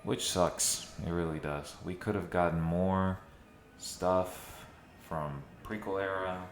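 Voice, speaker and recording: A man's voice: low-pitched, fairly even intonation, takes it slowly, slight background noise. A man giving casual, sometimes dryly sarcastic commentary to his viewers, recorded with heavy echo in a nearly empty room. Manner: conversational, dryly sarcastic at times. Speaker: video essayist. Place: mostly empty room in a new home. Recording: echoey reverb from an empty room.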